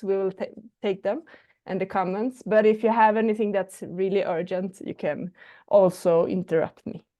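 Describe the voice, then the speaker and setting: A woman from Sweden, a non-native English speaker with a Swedish accent, gives an online presentation as a guest speaker, filling it with fillers and restarts. Her voice is medium-pitched and warm.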